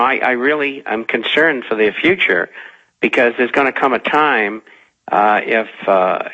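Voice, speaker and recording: An older man from Massachusetts giving political commentary as a talk radio guest, halting and grave, with a raspy voice. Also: medium pitch, sharp tone, low-quality recording. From Massachusetts, United States.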